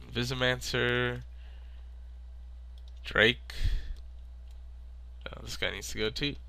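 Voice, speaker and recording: A man's voice: medium pitch, fairly even intonation, slow, vocal fry, pushed and bright, no room sound. A man with a sick, stuffy, nasal voice, thinking aloud in casual card-game commentary. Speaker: video maker.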